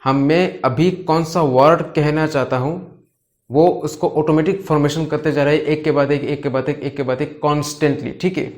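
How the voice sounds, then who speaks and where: A man's voice: fairly high pitch, steady tone, moderate pace, darkish tone. A man giving a casual, conversational anatomy lesson from home, often checking in with the listener and acting out little example lines. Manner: acts out short example lines to illustrate. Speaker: medical educator. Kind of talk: casual explanatory lecture. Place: home, rain and a barking dog audible outside.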